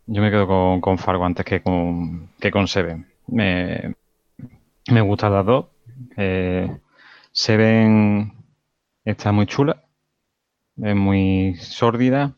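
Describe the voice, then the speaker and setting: A man's voice: low voice, fairly even intonation, slow pace, pauses often, darkish tone, smooth, no room sound, muffled recording. A man, talking about films in a laid-back, hesitant way with many fillers. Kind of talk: casual film discussion.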